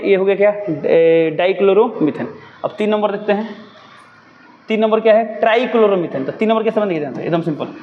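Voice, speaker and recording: A man's voice: high-pitched, big-room sound, lo-fi sound, a little hiss or hum. A young man teaching a chemistry lesson, who keeps asking his own questions and answering them.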